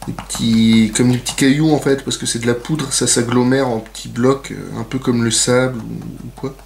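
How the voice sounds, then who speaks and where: A man talks viewers through a hands-on nail art demonstration in a relaxed, chatty way. He pads his sentences with fillers and throws in playful, self-mocking asides. His voice sits at a middle pitch over a faint background hiss. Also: moderate pace, creaky. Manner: chatty, many fillers and "donc". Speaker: nail art tutorial host. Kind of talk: casual how-to demonstration.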